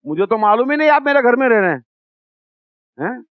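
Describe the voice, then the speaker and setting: A huge, oblivious elephant from a spoken fable asks puzzled questions, as a man puts him on. The voice is high and smooth. The recording is dry and slightly dull. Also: big pitch swings, a little fast, no room sound.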